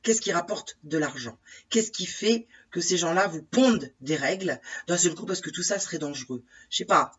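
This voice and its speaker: A vlogger with a head cold rants indignantly to her followers in a casual monologue, exasperated, repeating herself, asking pointed questions, and using many fillers and tag questions. Her voice is fairly low, expressive, fairly bright and breathy-edged at a normal speed. The recording sounds distant, dull and lo-fi.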